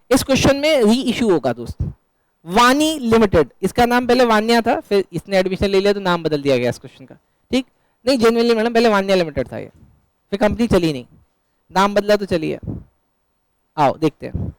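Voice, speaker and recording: Male accounts teacher, very high pitched, dry close sound, playful and questioning with the class. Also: clear, resonant tone, no echo, low-quality recording. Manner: joking, quizzing students, mixing English terms. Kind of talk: classroom lecture.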